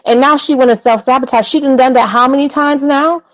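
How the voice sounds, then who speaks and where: Female caller on a phone line, high voice, dry and muffled, blunt opinions. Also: fairly even intonation, brisk, no echo. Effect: over a phone-quality call. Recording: dry, dull call audio.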